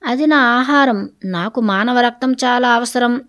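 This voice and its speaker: A woman's voice: a little high, unhurried, a bit bright. A woman voicing a gaunt, polite male vampire who pleads as he asks for help, read aloud as a story. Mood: pleading. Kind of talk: storybook reading.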